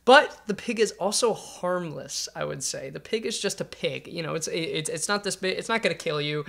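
A man's voice: on the high side, moderate pace, creaky, fairly bright tone. A young man talking casually and explanatorily to camera, hesitant and thoughtful, in a living room. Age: young adult. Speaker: composer, presenter. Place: bright living room with grand piano.

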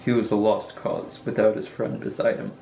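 A man playing a cold, commanding Sith master who speaks in a flat, gravelly voice. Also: on the low side, moderate pace, a little hiss or hum. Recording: muffled echoey home video.

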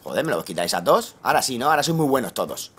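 A young man with a Spain Spanish accent and a slightly hoarse voice, giving excitable live commentary over his gameplay and swearing at teammates. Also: mid-range voice, rapid-fire, a little hiss or hum. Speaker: gamer streaming live gameplay. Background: faint gunfire from the game.

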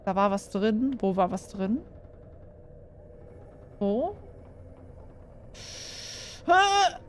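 A woman's voice: mid-range voice, slow, a little mellow, a little hiss or hum. A young woman playing a horror game and commenting for her viewers, jumpy and full of exclamations, often asking them questions. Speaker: gaming YouTuber.

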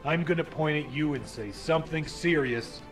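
An actor playing an earnest soldier comrade in a parody war game, stilted and mock-serious. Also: male voice, on the high side, moderate pace, music in the background, lightly acted.

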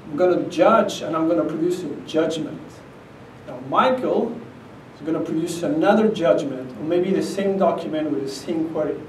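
At a podium in a conference room with a projector screen, a middle-aged man with an Argentine Spanish accent gives an academic talk in a voice a bit higher than most men's. He's conversational and emphatic, checking in with the audience often, at a moderate pace. The echoey sound is captured from across the room, with a little hiss or hum.

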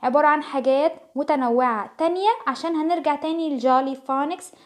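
A woman with an Egyptian Arabic accent teaching English pronunciation to children, repeating each word slowly and clearly. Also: high-pitched.

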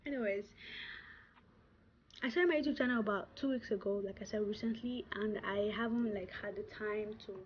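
A young Nigerian woman with a Nigerian accent chats casually to camera as a vlogger, using a medium-pitched voice at normal speed and repeating words for emphasis. She's in a small indoor room, and the lo-fi recording sounds dull, with noticeable background noise.

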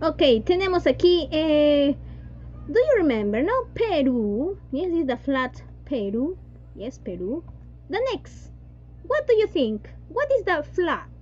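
High-voiced woman teaching online. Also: big pitch swings, takes it slowly, a little mellow. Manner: mixes Spanish and English, repeats "yes" and "¿no?". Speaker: English teacher. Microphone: video call. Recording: dull lo-fi online call audio with faint hum.

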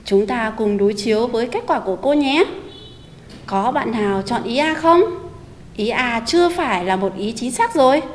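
A woman teacher giving a recorded reading lesson to young pupils, speaking gently and patiently and addressing the children directly. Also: on the high side, lively intonation, moderate pace, long reverb tail, slight background noise. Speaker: primary school teacher.

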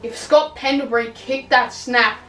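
A woman commentating her own video game match live, cheering, groaning and shouting at every play. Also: on the high side, fairly even intonation, moderate pace, soft background music. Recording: roomy, slightly distant home mic with game audio.

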